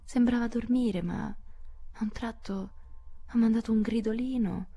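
Woman doing a shy, gentle teen girl for an audiobook, raised pitch, hushed and half-whispered. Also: steady tone, fairly quick, vocal fry, slightly rough. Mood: sorrowful. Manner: soft, hushed, near-whispered. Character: gentle shy teenage girl, frightened and sorrowful. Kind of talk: audiobook character voice.

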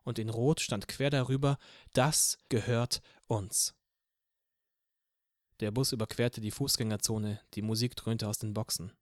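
A man narrating a novel in the first person as an audiobook, in a steady storytelling manner. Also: on the low side, fairly quick, few pauses, no echo, clean studio sound. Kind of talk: scripted narration.

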